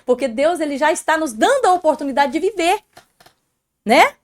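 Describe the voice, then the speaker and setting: Uma mulher com sotaque brasileiro, convidada de um podcast, contando um testemunho de fé com emoção e chamando o apresentador pelo nome. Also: female voice, high voice, expressive, normal speed. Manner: emotional storytelling, often addressing the host by name. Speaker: podcast guest. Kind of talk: faith testimony in an interview.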